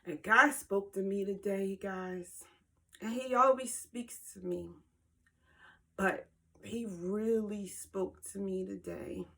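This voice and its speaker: A woman speaking slowly and earnestly in a personal vlog, emotional and near tears, repeating words for emphasis, filmed on her own camera at home. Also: mid-range voice, creaky, sharp tone. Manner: slow, heartfelt, emphatic repetition. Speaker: vlogger. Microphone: handheld camera.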